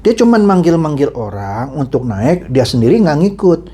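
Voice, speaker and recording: A man's voice: on the high side, moderate pace, breathy edge. A man doing a patient, explaining father. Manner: calm, explaining.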